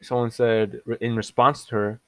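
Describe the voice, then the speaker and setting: A young man giving casual reaction commentary, excitable and mocking, often laughing and jumping up in pitch in disbelief. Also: moderate pace, clean tone, dry recording. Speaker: online commentator.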